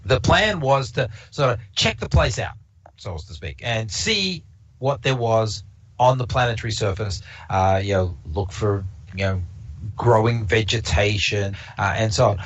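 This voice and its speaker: This Canadian presenter, not a native English speaker, talks animatedly but a little slowly in a low-side, slightly bright voice. His casual observatory talk rambles, full of fillers and restarts, over slightly dull lo-fi stream audio.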